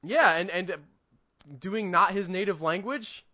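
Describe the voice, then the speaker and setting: On a film review podcast, this male co-host talks movies in a relaxed, enthusiastic, emphatic way, wandering from thought to thought. He speaks a bit slowly in a high, pushed, bright voice, and the recording's highs are cut off.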